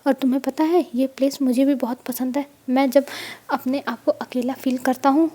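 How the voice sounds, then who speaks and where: A woman's voice: high-pitched, steady tone, normal speed, mellow. A woman voicing a devoted, reassuring young husband in a storybook reading, in her own plain voice. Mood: tender.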